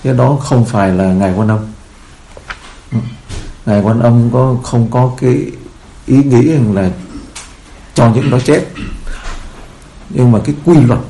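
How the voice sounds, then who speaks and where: A man's voice: mid-range voice, unhurried, gravelly, long pauses, dark tone, a little hiss or hum. A man as a Buddhist teacher giving a sermon, telling stories in a rambling way with many fillers, in a roomy echo.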